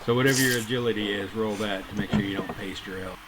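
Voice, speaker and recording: A man running a tabletop game as game master, calmly describing the scene and calling for rolls. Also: on the low side, fast talker, over a noisy crowd. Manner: relaxed, instructive, with fillers. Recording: noisy home mic.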